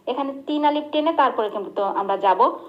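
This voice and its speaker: A woman teaches a class with patience, sounding out each syllable slowly and then checking with her listeners. Her voice sits high and clear. The recording is muffled and lo-fi. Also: animated. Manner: patient, repeats and drills pronunciation, asks the class questions. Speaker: religious teacher. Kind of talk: slow recitation lesson. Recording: dull lo-fi recording.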